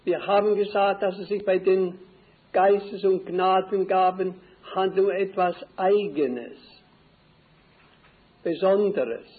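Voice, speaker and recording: An older man preaching a sermon slowly and deliberately, repeating key phrases for emphasis. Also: sits high. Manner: slow, deliberate, emphatic repetition. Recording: tinny phone-like old recording.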